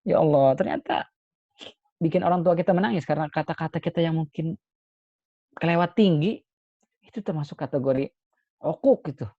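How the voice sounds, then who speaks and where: A male Islamic preacher giving a sermon, expressive, moving between emphatic points and soft, hushed asides. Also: fairly high pitch, fairly quick, pauses often, no echo, lo-fi sound. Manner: expressive, swings between emphatic and soft hushed delivery, frequent pious exclamations.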